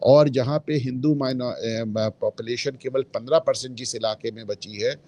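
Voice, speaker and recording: A man's voice: medium pitch, moderate pace, warm tone. A man speaking as a guest in a political discussion, emphatic and opinionated, dropping English phrases into his talk. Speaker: guest commentator.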